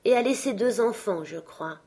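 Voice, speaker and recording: Woman reading a calm, gentle ghost. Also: medium pitch, normal speed, gravelly, husky.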